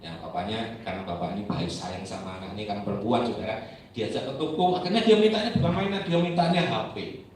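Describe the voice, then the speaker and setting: Animated male preacher in an echoey church. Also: fairly low pitch, fast, a little hiss or hum. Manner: animated preaching, acting out church members and children in raised voices. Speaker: pastor. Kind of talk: sermon. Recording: echoey church hall, mic at a distance.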